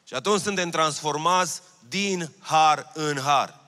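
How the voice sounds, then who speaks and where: In a large church hall, a pastor from Romania, a man in his thirties, preaches with a handheld mic. The voice is a little high, bright and pushed. Earnest in delivery, he repeats his key phrases, all under a long hall reverb.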